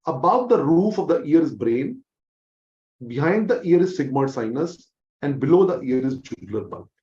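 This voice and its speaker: A man's voice: a little high, darkish tone, highs cut off. A man with an Indian accent teaching a medical revision class, emphatically repeating key facts. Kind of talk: exam revision lecture.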